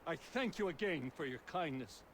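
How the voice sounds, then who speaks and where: Courteous colonial craftsman, formal and grateful, slightly raised pitch. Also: lively intonation, normal speed, a bit bright, a little hiss or hum. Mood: polite. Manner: courteous, formal period speech. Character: polite grateful male colonial woodworker, adult. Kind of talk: video game dialogue.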